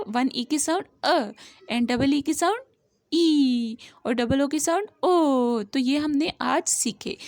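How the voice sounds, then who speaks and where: A woman teacher with a Pakistani accent, slowly sounding out letters in a phonics lesson for young children and patiently addressing the child. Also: high-pitched, a little mellow, no echo, clean studio sound.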